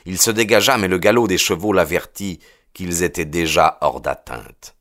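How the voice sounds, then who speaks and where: A man reading a novel aloud as an audiobook narrator, in a measured, expressive way. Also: sits low, dry recording, clean studio sound. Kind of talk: scripted narration.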